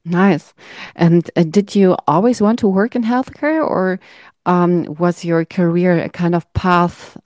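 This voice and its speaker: A woman interviewer asking questions in a warm, encouraging way and giving short affirmations. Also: on the low side, unhurried, no echo, clean studio sound. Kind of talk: conversational interview.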